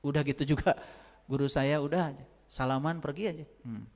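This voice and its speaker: A male spiritual teacher giving a sermon, telling stories and moving from quiet asides to loud, emphatic points. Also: fairly high pitch, fairly even intonation, a little fast. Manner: storytelling, swings from quiet asides to emphatic raised lines. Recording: long reverb, speaker set back from the mic.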